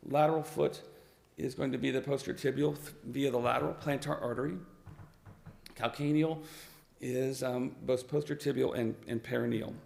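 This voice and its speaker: Raspy, gravelly man giving a medical lecture. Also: mid-range voice, darkish tone. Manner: halting, with many fillers and restarts. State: hoarse, clearing his throat. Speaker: vascular physician presenting at a conference.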